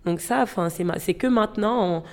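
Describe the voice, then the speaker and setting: A woman's voice: medium pitch, a little fast. A woman in her twenties from Gabon, telling her own story in an interview, reflective and hesitant, with frequent fillers and restarts. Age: 20s.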